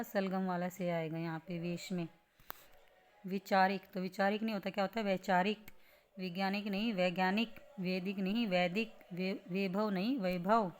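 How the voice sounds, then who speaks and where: A woman teaching a grammar lesson on correct spelling, explaining patiently step by step and asking rhetorical questions as she goes. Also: mid-range voice. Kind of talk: spelling lesson for exam students.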